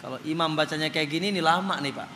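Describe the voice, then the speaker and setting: A man's voice: a little high, fast, bright, forceful tone. A man giving a Quran study lecture, speaking to his audience as Pak and chanting recitation examples. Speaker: religious teacher. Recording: hall reverb, faint noise.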